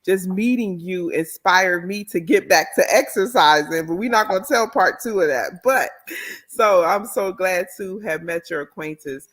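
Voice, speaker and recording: A woman's voice: fairly low pitch, moderate pace. A middle-aged woman from the Washington, D.C. area, an author and educator telling her story in an interview. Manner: expressive, animated storyteller.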